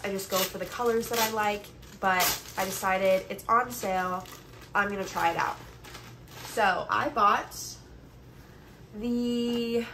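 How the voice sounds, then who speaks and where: A woman in her twenties, stuffy from allergies, chats casually about a haul while vlogging on her phone in her bedroom. Her mid-range voice is slightly bright, and the phone, held at arm's length or farther, gives poor audio with noticeable background noise.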